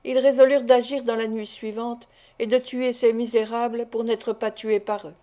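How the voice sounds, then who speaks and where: A woman reads a classic novel aloud at a steady, measured pace. Her voice sits a little high, and its tone is soft and mellow rather than bright. It has the even delivery of an audiobook narrator.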